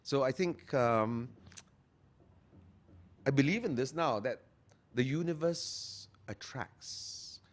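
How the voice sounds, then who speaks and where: A man, talking earnestly as a guest and slowing down to stress his key phrases. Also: mid-range voice. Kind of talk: motivational interview talk.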